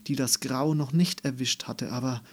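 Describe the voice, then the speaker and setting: A man narrating a story as an audiobook reader, calm and measured. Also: medium pitch.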